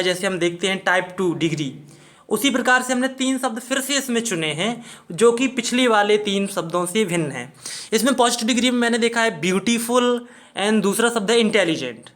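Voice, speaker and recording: A man's voice: high voice, fairly bright tone. A man teaching an English grammar lesson, explaining rules methodically and spelling words out letter by letter.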